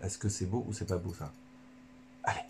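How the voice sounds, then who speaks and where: Joking low-voiced friar talking livestream. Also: male voice, fairly quick, slight background noise. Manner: joking, animated, bursts of laughter between points; loose, colloquial, stumbles over words. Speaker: friar giving a spiritual talk. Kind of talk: casual livestream teaching.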